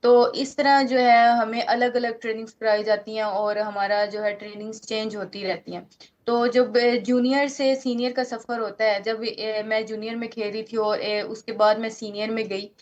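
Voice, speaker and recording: A 19-year-old woman boxer from Pakistan with a Pakistani Urdu accent, answering interview questions earnestly, often pausing and restarting. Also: fairly high pitch, steady tone, highs cut off. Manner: earnest, halting, many fillers and restarts.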